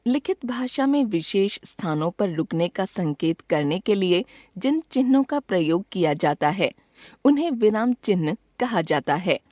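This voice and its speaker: Woman reading out a grammar lesson, steady and even, mid-pitch voice, dry close sound. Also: dry recording. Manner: measured, even reading with clear pauses at each item. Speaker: grammar textbook reader. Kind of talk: scripted lesson narration.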